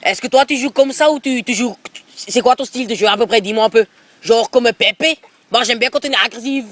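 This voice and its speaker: Man putting on a pushy Alsatian football coach, high voice, rambling prank call, phone close to the mouth. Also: fairly quick, fairly bright tone. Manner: pushy, rambling, repeats filler tags. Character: brash bigoted middle-aged male football coach, pushy. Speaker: prank caller. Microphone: phone held close to mouth.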